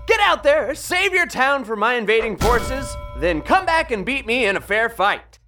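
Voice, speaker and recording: A man's voice: very high-pitched, sing-song, moderate pace, over music. A man playing a theatrical, gleefully mocking ultimate villain in an audio fantasy drama. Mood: gleeful menace. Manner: theatrical, taunting. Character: gleefully mocking male multiverse villain, theatrical end boss.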